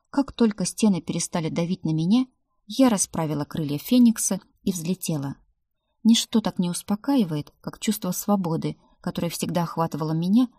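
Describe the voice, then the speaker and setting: Warm breathy woman narrating an audiobook. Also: fairly low pitch, no room sound, clean studio sound. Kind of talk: first-person audiobook narration.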